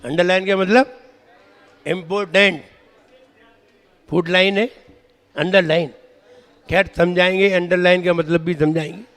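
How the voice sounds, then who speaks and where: A Jain monk teaching correct recitation, correcting syllables and chanting verses in a slow drawn-out way. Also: male voice, sits high, fairly even intonation, fairly bright tone. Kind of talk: pronunciation lesson with chanting. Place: temple hall. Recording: reverberant hall.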